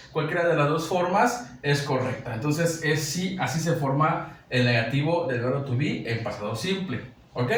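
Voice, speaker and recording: A man explains English grammar to students, patient and repetitive, checking understanding with frequent tag questions and reading example sentences slowly. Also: mid-range voice, recorded from a distance, a little hiss or hum. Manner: patient, repeats "¿ok?" and "¿verdad?" often. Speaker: English teacher. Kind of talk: classroom-style grammar explanation. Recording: very echoey room, voice off-mic.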